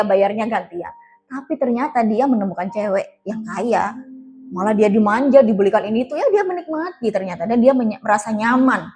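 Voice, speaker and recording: A woman's voice: fairly high pitch, a little mellow, a little hiss or hum. Chatty woman telling a story. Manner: chatty, addresses listeners directly, many fillers. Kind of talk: casual spoken storytelling.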